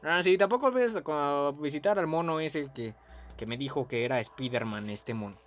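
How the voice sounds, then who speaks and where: Young man, slightly high and bright, jokey gaming commentary with sudden yells. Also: animated, moderate pace. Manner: playful, goofy, prone to sudden yells. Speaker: gaming youtuber. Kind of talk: let's-play commentary.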